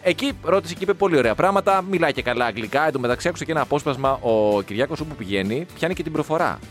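Lively man in joking radio banter. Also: on the high side, faint music behind. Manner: playful, riffs on jokes with quick agreement. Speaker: radio co-host.

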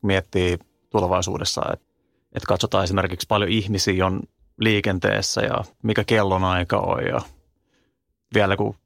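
A man hosting the conversation, reflecting on the ideas in an even, conversational way. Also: sits low, vocal fry, dry recording, clean studio sound. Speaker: host. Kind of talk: conversational commentary.

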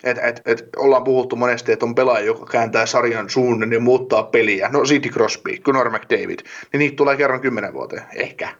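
A man's voice: mid-range voice, fairly even intonation, hardly any pauses, highs cut off. A man talking hockey in a casual podcast chat, rambling with many restarts and fillers.

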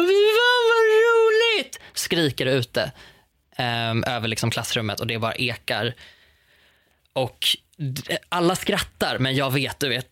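A young man in casual chat, telling lively stories full of fillers and restarts. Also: mid-range voice, no echo, clean studio sound. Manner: animated storytelling with hesitant fillers.

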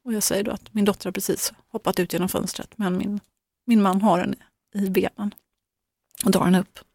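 A middle-aged woman telling a painful family story, halting and full of fillers and restarts. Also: medium pitch, level tone, creaky, a little mellow, no room sound, studio quality. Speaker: guest, mother. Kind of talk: emotional personal account.

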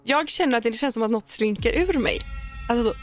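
A young woman co-hosting a podcast, telling a personal story in animated, quick casual chat and acting out what people said. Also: fairly high pitch, soft background music. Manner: animated, fast storytelling with acted-out quotes and laughter. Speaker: podcast co-host.

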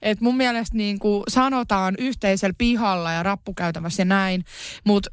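A woman's voice: medium pitch, clear, resonant tone, dry recording, clean studio sound. A young woman co-hosting a podcast in casual chat, giggly and playful, often mimicking the way people greet each other. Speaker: podcast co-host.

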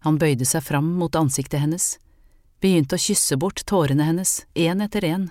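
Low, warm-voiced woman reading a novel. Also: no echo, studio quality. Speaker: audiobook narrator. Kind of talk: scripted narration of a novel.

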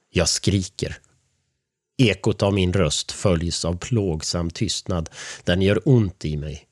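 A man with a very deep, low voice tells a first-person horror story, keeping his delivery hushed and measured with tension underneath. The recording is close and completely dry, with no room sound at all. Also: no room sound. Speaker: narrator.

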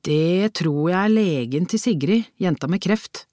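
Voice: mid-range voice, animated, a little mellow, dry recording, voice pushed up, close to an everyday voice. Male investigator, impatient and pressing; narrator's own character voice, dry studio audiobook. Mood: explaining.

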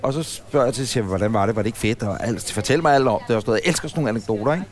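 A man's voice: mid-range voice, faint music behind. A man chatting casually on a podcast recorded in a café, telling a long, rambling anecdote. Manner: rambling, animated anecdote-teller. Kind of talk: casual storytelling chat.

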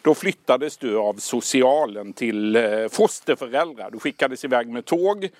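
A man hosting an interview, reading a calm introduction and asking short questions. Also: medium pitch, dry recording. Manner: calm, scripted introduction then brief prompts. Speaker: podcast host.

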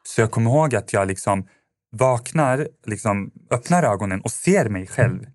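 A man's voice: fairly low pitch, animated, no echo, studio quality. A man, a podcast guest, telling a personal story in a casual, rambling way with lots of fillers and restarts.

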